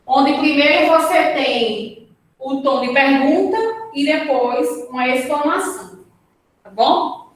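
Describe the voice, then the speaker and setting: A woman's voice: high voice, slow pace. A woman with a Brazilian accent teaching a remote grammar lesson at a whiteboard, patiently checking in with her students after each point. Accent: Brazilian Portuguese. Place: classroom or studio with a whiteboard. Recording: very echoey room, mic at a distance.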